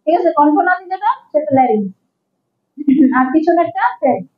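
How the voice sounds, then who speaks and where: A woman's voice: high-pitched, lively intonation, brisk, muffled recording. A young woman with a Bangladeshi Bengali accent giving a classroom lecture as a medical instructor, who explains patiently, asks questions and repeats key terms.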